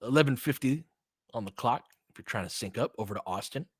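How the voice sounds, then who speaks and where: He's a fast talker with a mid-range, breathy-edged voice and lively intonation, recorded at studio quality with no room sound. This American-accented man from California hosts and calls play-by-play on an informal basketball show, responding to listeners. He analyzes as he goes, sentences fading out and starting over.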